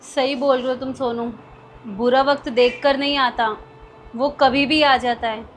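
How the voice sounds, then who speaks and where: A woman playing a high, haughty rich wife. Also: normal speed, a little hiss or hum. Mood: ashamed. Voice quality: sharp and scolding, then soft and ashamed. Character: arrogant rich wife who turns remorseful. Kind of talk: amateur short-film acting.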